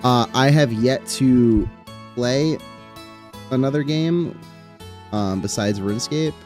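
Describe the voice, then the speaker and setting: A man's voice: medium pitch, slow, a little mellow. Rambling young man streaming, faint music behind. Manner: rambling, filler-heavy, swears casually. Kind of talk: casual live-stream chat.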